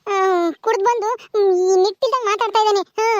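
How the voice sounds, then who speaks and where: A woman's voice: extremely high pitch, steady tone, fast, a little mellow, no room sound, dull audio. A woman acting a young village wife who protests her innocence, pleading with her elders.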